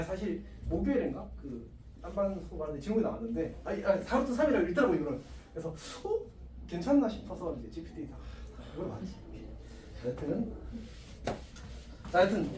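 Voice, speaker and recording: Male high school math teacher, casual and self-deprecating, faint hiss, distant mic. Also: darkish tone, echoey room. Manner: chatty, self-mocking, asks the class constant check questions. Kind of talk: casual classroom lecture. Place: classroom with students.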